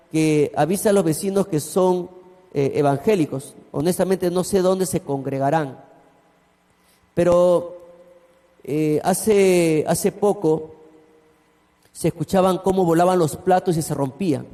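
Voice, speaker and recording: A man's voice: high voice, takes it slowly, pauses often, mellow. A man, a pastor preaching a sermon and telling a story with asides to his congregation. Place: church hall. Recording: long church hall reverb.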